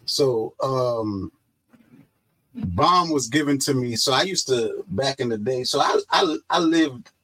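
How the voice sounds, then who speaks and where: A Haitian-born man, a rapper, talking in a relaxed, slangy way as an interview guest. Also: mid-range voice, slow pace, low-quality recording. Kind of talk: casual interview chat.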